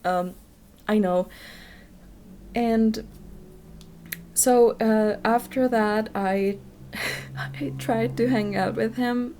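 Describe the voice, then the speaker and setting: A woman's voice: fairly high pitch, steady tone, extremely slow, pauses often, a little mellow, slight background noise. A young woman telling a personal story in a candid, rambling way, with lots of "um" and "you know what I mean" and casual swearing. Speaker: vlogger.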